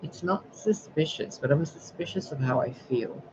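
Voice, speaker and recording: Speaking at normal speed in a voice on the high side, a spiritual sign reader vents to camera in a casual vlog, rambling on and swearing freely about his day. The lo-fi recording is dull, with clear background noise.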